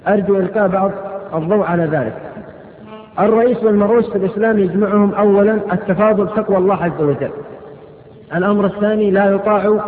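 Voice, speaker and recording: A high-voiced man preaching at a religious question-and-answer lecture. He reads each question out and answers it with quick, firm rulings, talking fast. The sound is thin and phone-like, with a long echo from a large hall. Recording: echoey hall on tinny phone-band audio.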